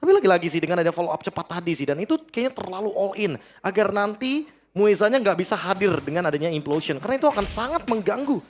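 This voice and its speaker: A man's voice: high voice, expressive, fast talker. A man giving analytical esports commentary as a co-caster, explaining tactics as the match runs.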